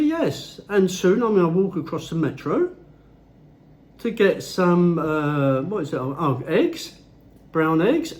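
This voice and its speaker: A man's voice: on the high side, darkish tone. A man ranting in his own vlog, blunt and heavily profane, talking at home. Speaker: vlogger.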